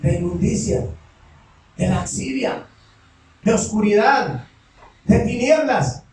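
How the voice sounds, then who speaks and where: A male pastor preaching a language sermon, impassioned and shouting at the peaks. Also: high-pitched, lively intonation, slow pace, slight background noise. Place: church hall. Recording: very echoey room, distant mic.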